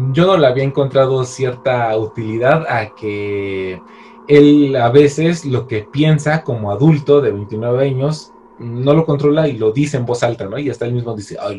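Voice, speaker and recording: A young man with a Mexican accent in casual chat, reviewing a series, slangy and quick to laugh. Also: mid-range voice, darkish tone, a little hiss or hum. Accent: Mexican Spanish. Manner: slangy, laughs often, restarts.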